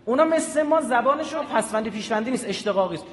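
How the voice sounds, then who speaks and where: A man giving an animated public lecture, often checking with his audience through quick rhetorical questions. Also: extremely high pitch. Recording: echoey hall with long reverb.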